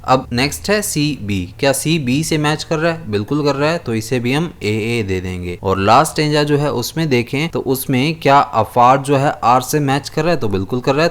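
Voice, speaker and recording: A man's voice: mid-range voice, clear, resonant tone. Man teaching a school poem. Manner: explains step by step, asking and answering his own questions. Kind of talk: explaining a poem to school students.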